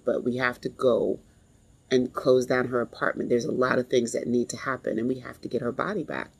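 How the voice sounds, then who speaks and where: A woman in her forties telling a personal story in a reflective, halting way. She is grieving and pauses often to compose herself. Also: extremely low pitch, creaky, husky, rough recording. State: grieving, emotionally strained.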